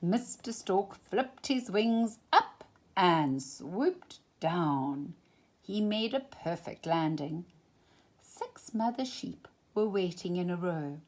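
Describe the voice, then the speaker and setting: A woman storyteller reads a children's storybook aloud in an expressive, emphatic way, drawing out key words. Her voice is lowish, and she takes it slowly.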